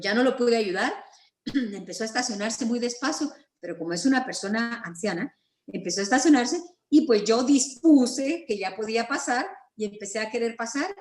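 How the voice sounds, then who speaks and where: A Guatemalan woman teaching a Bible study over a video call, earnest and story-driven, clearing her throat now and then. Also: on the high side, darkish tone, echoey room. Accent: Guatemalan Spanish.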